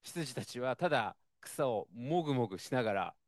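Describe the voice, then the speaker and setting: A man preaching a sermon in a conversational, expressive way, with frequent fillers. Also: mid-range voice, normal speed, dry recording, clean studio sound.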